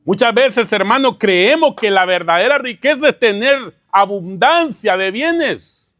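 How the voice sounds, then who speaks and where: Pastor guy preaching in church, bit high voice, keeps going "hermano?" at the crowd. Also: expressive, unhurried, fairly bright tone, no echo, clean studio sound. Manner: peppers lines with "hermano" and rhetorical questions. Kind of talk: teaching sermon.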